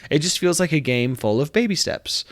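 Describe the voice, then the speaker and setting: A man's voice: fairly high pitch, lively intonation, moderate pace. A young man talks casually about a game he has been playing. His nose is stuffy and congested, and he rambles through frequent fillers and restarts. He sits in a dry, close room with almost no echo. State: congested from allergies. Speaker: gaming video host. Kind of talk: casual talk to camera. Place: friend's apartment room.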